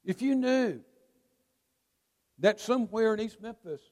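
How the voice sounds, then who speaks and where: A male pastor delivers a sermon with high, ringing tones. He leans on words and holds dramatic pauses. His voice trails off into the long reverb of a large church hall. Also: expressive, darkish tone. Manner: emphatic preaching with dramatic pauses. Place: church sanctuary.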